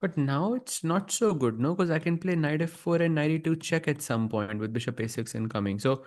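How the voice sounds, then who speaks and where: A man's voice: a little high, brisk, a little mellow. A man with an Indian accent giving casual analytical chess commentary, explaining as he thinks aloud.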